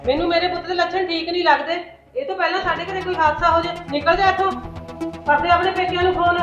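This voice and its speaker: A woman's voice: very high-pitched, fairly even intonation, quick pace, fairly bright tone, highs cut off, faint music behind. A woman playing a bossy scolding mother-in-law. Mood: cold. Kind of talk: short film drama.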